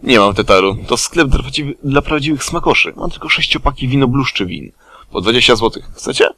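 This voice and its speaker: A man's voice: lively intonation, fairly quick, pushed and bright, no room sound. A man voicing a foul-mouthed old witch woman who whines and shrieks in indignation. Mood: haggling. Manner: whiny, indignant, shrill outbursts.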